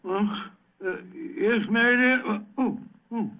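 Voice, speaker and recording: A man playing a loyal, fussy English gentleman doctor in old-time radio drama, blustery and stammering. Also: extremely high pitch, unhurried. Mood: weary, fretful. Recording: tinny, band-limited radio drama recording.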